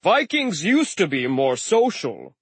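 An audiobook narrator voicing a huge stone giant who is cheerful about killing, with a rumbling voice and slow, lively delivery. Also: male voice, slightly rough, no room sound, exaggerated voice. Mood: cheerfully menacing. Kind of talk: audiobook character voice.

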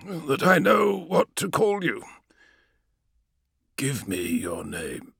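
Grim commanding warlord-sorcerer, low gravelly voice, cold and clipped, voiced by a male narrator. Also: wildly swooping pitch, slow, a bit bright, no echo, studio quality, full character voice.

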